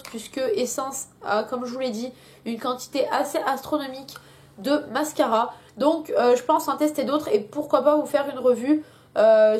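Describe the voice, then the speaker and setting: Young woman, beauty vlogger, slightly high voice, hesitant chatty review, headache. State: has a headache. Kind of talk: casual product review.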